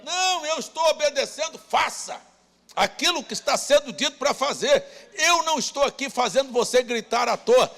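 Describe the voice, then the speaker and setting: Pastor guy, really high gravelly voice, shouting in a big reverby church. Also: animated, moderate pace. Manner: preaching with shouted exhortations to the congregation. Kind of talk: sermon. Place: church hall.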